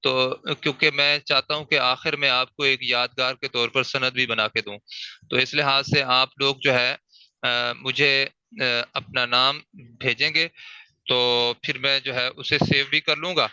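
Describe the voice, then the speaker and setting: A man gives a tajweed lesson in a very bright, crisp and resonant voice. He drills single letter sounds slowly and over and over, and he checks in with rhetorical questions. The recording is close and dry. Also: medium pitch, fairly even intonation, no room sound, low-quality recording. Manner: demonstrates letter sounds slowly, repeating them. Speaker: Quran recitation teacher. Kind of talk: online tajweed class lecture.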